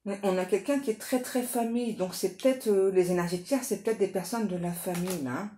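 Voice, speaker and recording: A woman giving a casual, improvised tarot reading straight to the listener, halting and repetitive, often adding little tag words for agreement. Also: medium pitch, dark tone. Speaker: tarot card reader hosting a guidance channel. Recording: echoey room with faint background noise.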